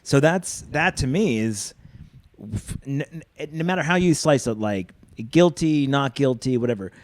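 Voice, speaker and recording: A man's voice: mid-range voice, expressive, normal speed. A man hosting a podcast, talking in a laid-back, rambling way and getting the hiccups. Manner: laid-back, rambling, puts on silly animal voices. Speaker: podcast host. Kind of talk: casual chat.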